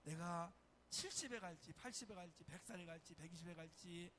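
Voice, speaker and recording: A man's voice: high-pitched, fairly quick, sharp tone, a little hiss or hum. A man preaching a sermon as pastor of a church, emphatic and often calling out to his congregation. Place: church sanctuary.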